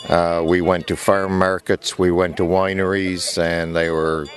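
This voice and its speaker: A man's voice: low-pitched, level tone, measured pace. A man speaking as an event organiser, giving answers in an interview.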